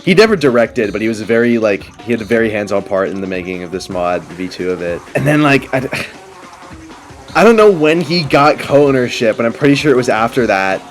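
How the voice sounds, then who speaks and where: A young adult man hosts gaming commentary with friends, chatting casually, enthusiastically and in a rambling way. His medium-pitched voice is lively and a little fast, with background music beneath it.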